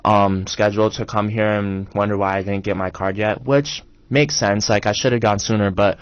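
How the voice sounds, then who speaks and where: A man's voice: fairly low pitch, moderate pace, clear, resonant tone, dry recording, highs cut off. Exasperated young man telling a story. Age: young adult. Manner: animated, exasperated retelling. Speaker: college radio co-host. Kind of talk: casual storytelling chat.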